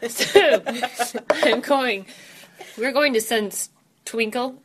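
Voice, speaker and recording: A woman's voice: on the high side, takes it slowly, background noise. A woman player in a tabletop game, casually laying out plans and taking charge. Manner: bossy, takes charge of plans.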